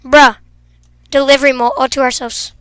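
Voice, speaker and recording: A young woman giving playful, goofy gameplay commentary, teasing her teammates and bursting into shouts. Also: high-pitched, level tone, moderate pace, clean tone, no room sound. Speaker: gaming video creator.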